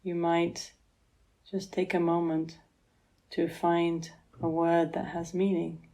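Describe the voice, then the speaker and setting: In a lowish, monotone voice, a woman acting as a yoga therapist takes listeners through a relaxation meditation, calm and gentle, with long silences.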